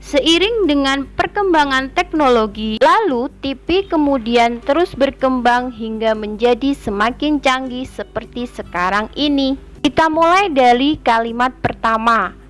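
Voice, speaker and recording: A woman giving an online grammar lesson as a teacher, reading example sentences aloud and explaining them slowly. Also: fairly high pitch, fairly bright tone.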